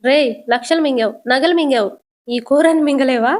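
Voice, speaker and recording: A brash young son, as a woman puts him on in a storytelling recap. He teases and mocks with sarcasm, in a high voice. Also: moderate pace, a little mellow, natural voice. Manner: teasing, sarcastic.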